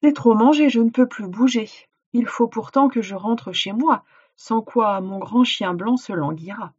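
A woman's voice: on the high side, unhurried, darkish tone, slightly rough. A woman voicing a clever, unflustered old grandmother who talks her way out of danger, in a dull lo-fi recording. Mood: sated.

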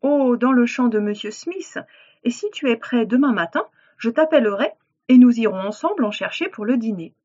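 A woman's voice: on the high side, animated, a little mellow, husky, dull audio. A woman doing a sly storybook wolf. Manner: coaxing, then slow drawn-out threats. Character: sly hungry big bad wolf, male.

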